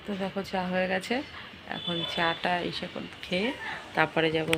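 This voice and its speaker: A middle-aged woman talking casually to her vlog viewers in a brisk, practical way about her chores and cooking. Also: lowish voice, fairly even intonation, gravelly, noisy background. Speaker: vlogger's mother.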